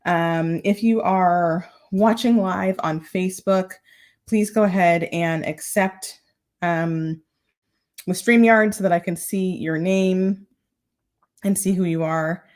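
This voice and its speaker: A woman's voice: on the low side, steady tone, slow, a little mellow. A woman hosting a casual live stream from her home, chatty and playful, a little out of breath and calling her viewers y'all. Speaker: style vlogger hosting a live Q&A.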